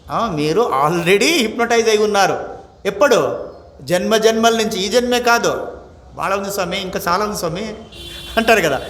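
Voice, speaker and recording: A swami with a high voice gives a spiritual discourse and keeps questioning his listeners. Now and then he slowly chants a verse, and English words slip into his talk. The sound is roomy and echoey, with a faint hiss behind it. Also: a bit bright. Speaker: swami teaching the Gita. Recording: echoey room, faint background noise.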